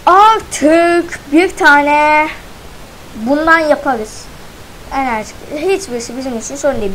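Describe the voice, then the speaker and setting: High, chatty woman narrating gameplay. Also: a little mellow, a little hiss or hum, low-quality recording. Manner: chatty self-talk, counts aloud, playful slang. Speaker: gaming channel host. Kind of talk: casual let's-play commentary.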